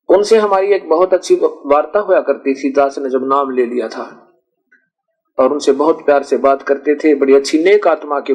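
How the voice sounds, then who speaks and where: Fairly high in pitch and a little mellow, this male preacher's voice comes through on poor audio. His sermon unfolds as folksy storytelling, with acted-out exchanges and repeated self-corrections in the middle of words.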